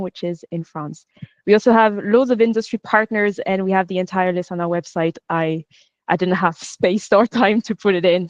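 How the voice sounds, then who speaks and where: A woman's voice: medium pitch, no echo. A woman with an Irish accent, a program coordinator giving a friendly online presentation, explaining step by step with filler sounds. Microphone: video call. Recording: dull lo-fi video call audio.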